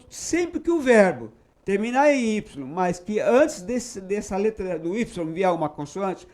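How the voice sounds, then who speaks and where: A Brazilian man with a high-pitched voice teaches English grammar in a patient explanatory style. He repeats each English example sentence slowly. He keeps checking in with short "tá?" and "ok?" tags. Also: darkish tone. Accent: Brazilian Portuguese.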